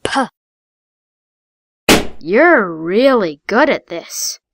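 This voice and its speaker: A woman's voice: a little high, very animated, extremely slow, bright, forceful tone, a little hiss or hum. A woman voicing the prompts of a children's phonics app, giving cheerful praise and sounding out letters and words with care. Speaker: app narrator.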